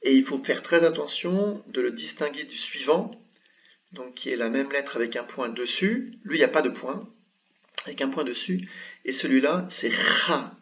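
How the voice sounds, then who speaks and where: Man, mid-pitched, patient teacher walking through a lesson with lots of "euh", slightly dull lo-fi sound. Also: recorded from a distance. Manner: patient, explains step by step with many fillers. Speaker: Arabic script teacher. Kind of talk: online language lesson.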